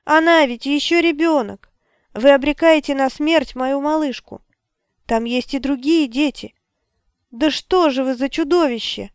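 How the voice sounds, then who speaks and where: A desperate young mother begs in a raised, tearful voice, as a woman reader puts her on. The tone is smooth and clean. The read is dry and close, with no room around it. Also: moderate pace, darkish tone, dry recording, natural voice. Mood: pleading. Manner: high, pleading, close to tears.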